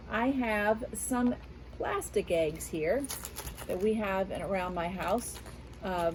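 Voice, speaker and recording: A school media specialist reads a picture book aloud to children from her back porch outdoors, speaking to them in a patient, teacherly way. Her voice is mid-range, and background noise can be heard in this read-aloud lesson.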